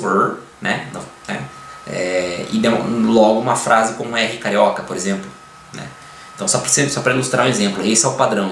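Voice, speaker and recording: A man from Brazil talks through a casual lesson with a lowish voice, pausing often and tacking tag questions onto his phrases. The room is echoey, with a faint hum of ambient noise behind him. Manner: hesitant, many fillers and tag questions. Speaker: language teacher.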